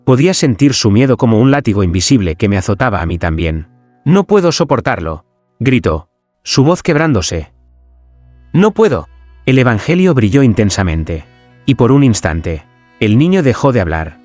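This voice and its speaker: Solemn male horror narrator with lively pitch. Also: normal speed, dry recording, faint music behind. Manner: solemn, dramatic storytelling. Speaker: first-person narrator as a priest.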